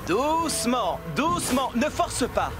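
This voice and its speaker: A man playing a kind, reassuring builder and team leader in a French cartoon dub, with an encouraging, expressive delivery. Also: extremely high pitch, slow pace, over music, exaggerated voice.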